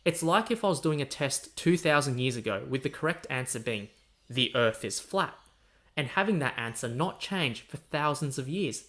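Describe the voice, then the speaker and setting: A man's voice: medium pitch, lively intonation, normal speed, few pauses, fairly bright tone. A man hosting a history podcast, narrating from a script in a chatty way with wry asides and mild swearing. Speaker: podcast host.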